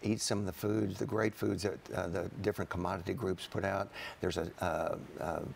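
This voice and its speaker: Farmer guest, 60s, low gravelly voice, plain-spoken with lots of "uh"s, studio interview. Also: male voice, little pitch movement, brisk, a little hiss or hum. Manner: plain-spoken, earnest, many uh fillers. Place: TV studio set.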